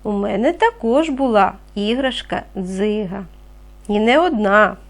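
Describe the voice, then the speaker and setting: A woman teaching a reading lesson to young children, speaking clearly and patiently, asking them questions as she goes. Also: mid-range voice, expressive, measured pace. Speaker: primary school teacher.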